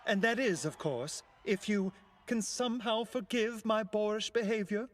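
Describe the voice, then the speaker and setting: An actor playing a flamboyant, vain, theatrical stage magician in a video game. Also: male voice, high voice, normal speed, lightly acted. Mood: coaxing. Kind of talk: video game character voice acting. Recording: loud background noise.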